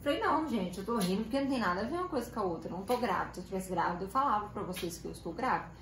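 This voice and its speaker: Speaking fast with lively intonation at a medium pitch, this young Brazilian woman tells viewers a personal story in a chatty vlog. She has a Brazilian Portuguese accent, frequently fixes her words mid-sentence, and acts out family dialogue, all in a roomy home recording with faint background noise.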